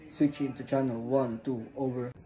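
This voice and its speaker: A man's voice: mid-range voice, level tone, moderate pace, mellow, poor audio. A man speaking as a ship's radio operator in a scripted maritime procedure call, in formal clipped phrases with numbers read digit by digit. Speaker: ship radio operator calling vessel traffic service.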